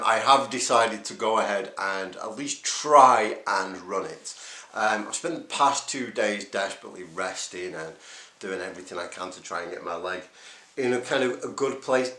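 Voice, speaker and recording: Low-voiced man talking in an echoey room. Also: fairly bright tone. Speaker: runner vlogging his race preparation. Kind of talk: casual video diary.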